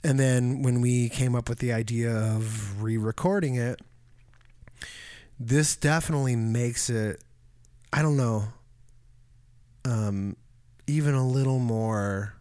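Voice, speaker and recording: A man's voice: mid-range voice, slow, long pauses, no echo, clean studio sound. Rambling, swearing man telling a story. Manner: rambling, animated storytelling with swearing and mimicked voices. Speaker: podcast co-host. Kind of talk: casual chat.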